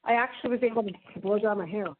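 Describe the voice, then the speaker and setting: Woman interviewing casually over a narrow phone line. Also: medium pitch. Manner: rambling, halting questions.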